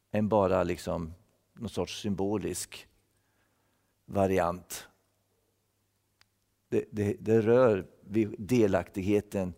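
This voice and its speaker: A man's voice: fairly low pitch, vocal fry, mellow, in a large hall. A man giving a thoughtful Bible-teaching sermon, repeating words as he explains. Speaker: preacher.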